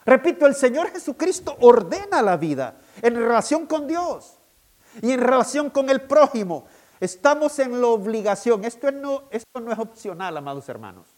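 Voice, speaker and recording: A man preaching a sermon, emphatic and deliberate, repeating his key points slowly for the congregation. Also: very high-pitched, sing-song, darkish tone. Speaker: pastor.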